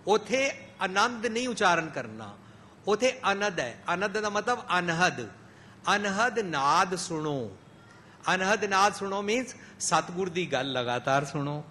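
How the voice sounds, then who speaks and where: A man delivers a sermon to a congregation, his voice high, bright and full of lively swings in pitch. He mixes English phrases into his speech, rising to emphatic peaks and then dropping soft. A faint hum of room noise sits behind him. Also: measured pace. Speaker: Sikh preacher. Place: gurdwara hall.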